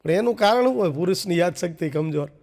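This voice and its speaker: High gravelly comedian telling jokes in a hall. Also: male voice, animated, fast, darkish tone. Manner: acts out the quoted husband and wife with raised voice. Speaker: stand-up comedian. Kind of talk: Gujarati stand-up joke telling. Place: stage show before an audience. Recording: long reverb of a stage hall.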